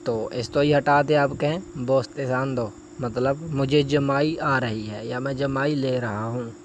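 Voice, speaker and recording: A male teacher giving a spoken lesson, pausing to say each example phrase slowly and carefully. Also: medium pitch, fairly even intonation, slight background noise. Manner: slow, drawn-out modeling of example phrases. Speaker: language teacher.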